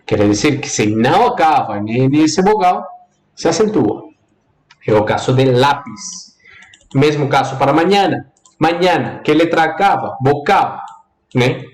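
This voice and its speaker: A man teaching Spanish in a live online lesson, lively and repetitive, drilling the rules in a singsong way and mixing Portuguese with Spanish. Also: mid-range voice, echoey room.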